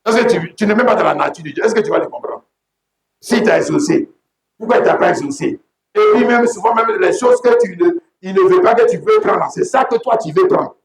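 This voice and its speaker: A man preaching a sermon as pastor, emphatic and repetitive, often breaking into shouts. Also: high voice, big pitch swings, fairly quick, slight background noise. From Côte d'Ivoire. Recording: echoey room.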